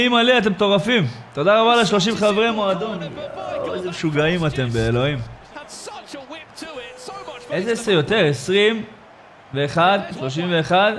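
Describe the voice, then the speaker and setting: A man on a live game stream, his voice sitting a little high as he reacts loudly and excitedly, repeating his exclamations. His talk is slangy and fast-moving, and he keeps breaking off to thank his viewers. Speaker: gaming livestreamer.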